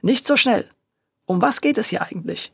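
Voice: medium pitch, animated, normal speed, gravelly, a bit bright, husky, dry recording, studio quality, heavily acted. A storyteller voicing an experienced, dutiful policewoman who speaks firmly and matter-of-factly in a children's audio story. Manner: firm and matter-of-fact.

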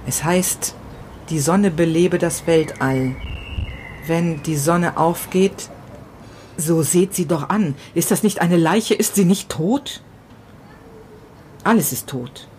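A woman reading the part of a grief-stricken, tormented man in a first-person literary novella, halting and repeating herself, dropping to whispers and rising in outbursts. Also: fairly low pitch, darkish tone, slight background noise. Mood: grieving, desperate. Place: city balcony, outdoors.

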